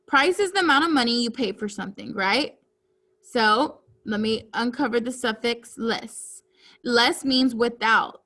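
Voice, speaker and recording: Woman teacher, reading lesson for kids, slow and careful, clear enunciation, slightly high voice. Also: a bit bright.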